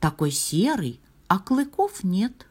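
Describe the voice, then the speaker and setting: A woman voicing a mocking female magic star in a fairy tale, speaking in a drawn-out, taunting way. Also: medium pitch, very animated, slightly rough, heavily acted. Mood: teasing.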